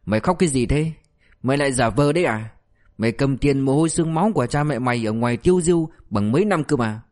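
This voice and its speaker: A man's voice: mid-range voice, expressive, quick pace, lightly acted. A man doing a raging, merciless cop. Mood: contemptuous. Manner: shouting abuse, harsh and relentless. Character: ruthless male police officer berating a suspect.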